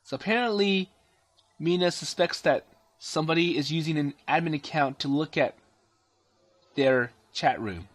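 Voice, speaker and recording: A man's voice: fairly high pitch, moderate pace, pauses often. A man casually commenting on a story game, hesitantly summarizing and paraphrasing the dialogue with many fillers. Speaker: let's play commentator. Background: game music.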